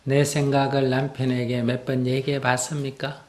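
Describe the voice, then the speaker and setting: Male Buddhist monk, mid-pitched, conversational teaching with rhetorical asides. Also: level tone, moderate pace, a little mellow. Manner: plain-spoken, rhetorical questions, folksy examples. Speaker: Buddhist monk answering questions. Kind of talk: conversational dharma Q&A.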